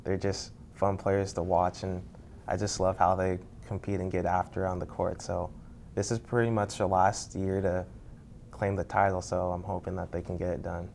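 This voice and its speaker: Athlete guy on a talk show, super deep monotone, kinda gravelly, faint hiss behind. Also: moderate pace. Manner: low-key, steady, plain-spoken. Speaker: guest athlete. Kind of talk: interview answers.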